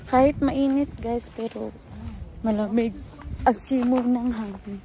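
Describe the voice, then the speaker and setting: A woman's voice: a little high, steady tone, unhurried, dark tone, slight background noise. A woman vlogging a family outing outdoors, chatty and coaxing her toddler as she talks. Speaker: family travel vlogger, mother. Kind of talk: casual vlog narration and talking to her child. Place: outdoors by the seaside.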